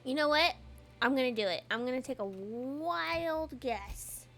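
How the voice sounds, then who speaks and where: A woman's voice: high voice, lively intonation, unhurried, a bit bright. A woman hosting a gaming video, giving playful commentary as she plays and answering the characters.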